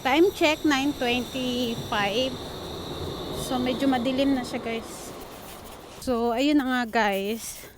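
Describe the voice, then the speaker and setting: Chatty high-voiced Filipino woman vlogging. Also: fairly even intonation, slow, long pauses. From Philippines. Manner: chatty, addresses viewers as guys, mixes English into Filipino. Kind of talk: casual storytelling vlog. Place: outdoors in the rain, waiting for a train. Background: rain, wind and passing vehicles.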